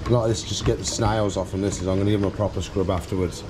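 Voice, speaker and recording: Talking fast in a low, steady voice, the thirties-aged vlogger chats informally while explaining his actions in an aquarium shop. The vlog is unscripted, and there's background noise.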